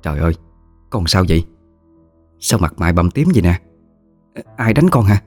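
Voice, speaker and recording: A man's voice: deep voice, lively intonation, soft background music. A man doing an alarmed, wealthy mother. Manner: hurried, alarmed.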